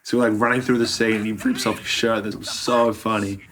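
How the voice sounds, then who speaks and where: A man's voice: lowish voice, little pitch movement, a little fast, background noise. An Australian man, an actor, talking casually in an interview.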